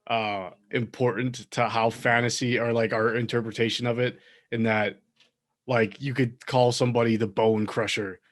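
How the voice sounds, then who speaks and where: A man's voice: medium pitch, level tone, normal speed. Chatty man rambling through fantasy talk. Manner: rambling, filler-heavy, thinks aloud. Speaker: podcast co-host. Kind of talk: casual chat.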